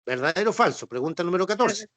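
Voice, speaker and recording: Bible study teacher, man, Chilean accent, patient and repetitive, higher-pitched voice, dry close sound. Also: expressive, fast, fairly bright tone, dry recording. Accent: Chilean Spanish. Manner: patient and repetitive, with frequent "¿no es cierto?" and "ya" checks. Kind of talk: Bible class explanation with quiz questions.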